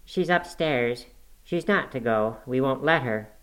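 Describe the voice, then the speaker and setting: A man's voice: medium pitch, lively intonation, measured pace, a bit bright, clear, resonant tone, rough recording. A spoiled, sickly young man from a classic novel, voiced by a male reader. He sounds listless and sulky, with a selfish, petulant way of talking. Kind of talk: audiobook character acting.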